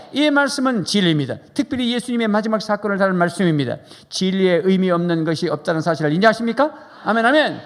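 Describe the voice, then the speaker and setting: A man preaching as pastor, praying fervently and leading the congregation through questions and repeated phrases. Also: high-pitched. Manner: fervent, repetitive, leads congregation in loud calls. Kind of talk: sermon with fervent prayer and call-and-response. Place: large church sanctuary. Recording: live church hall reverb with music.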